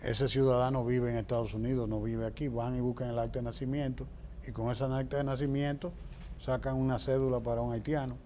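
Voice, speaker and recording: A man's voice: medium pitch, flat delivery, brisk, dark tone, slight background noise. A man with a Dominican Spanish accent giving opinionated, explanatory political answers as an interview guest, emphatic and fond of rhetorical questions.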